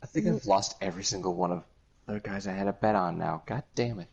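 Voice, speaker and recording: A man's voice: low-pitched, quick pace, gravelly, a little mellow, breathy edge, lo-fi sound. A man co-streaming a game, chatting casually with dry wisecracks and casual swearing. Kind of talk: casual chat.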